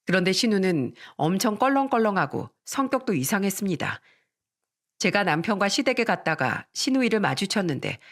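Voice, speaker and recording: Woman, storyteller, scripted first-person narration, even conversational tone, middle pitch.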